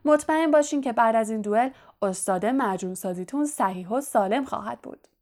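A woman's voice: a little high, a little mellow, close to an everyday voice. A woman voicing a vain, boastful male wizard teacher in an audiobook, talking in a showy, self-satisfied way and projecting grandly. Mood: showing off. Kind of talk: audiobook character voice.

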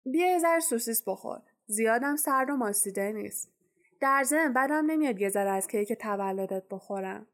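A woman's voice: fairly high pitch, animated, a bit bright. Woman doing a drowsy, good-natured giant. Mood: easygoing. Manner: drowsy, easygoing, reassuring. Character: huge, gruff, good-natured male giant.

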